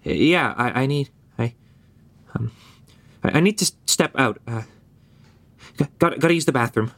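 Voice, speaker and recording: An actor playing a nervous young junior detective who stammers and hesitates. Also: male voice, medium pitch, lively intonation, normal speed, vocal fry, fairly bright tone, a little hiss or hum. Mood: anxious. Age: young adult.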